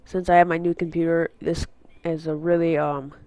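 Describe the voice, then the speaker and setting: Flat and smooth, with vocal fry and a darkish tone, the fairly high male voice belongs to a teenage boy at normal speed. He hosts a gaming channel and, stuffy-nosed from a cold, rambles casually through an update on an unfamiliar headset mic, heavy on fillers and tangents. No echo is present.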